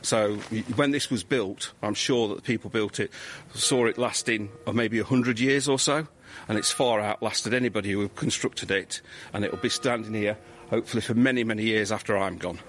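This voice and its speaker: A man, a civil engineering lecturer, answering interview questions outdoors in a measured, explanatory way with frequent restarts. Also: lowish voice, fairly bright tone. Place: outdoors on a hillside street.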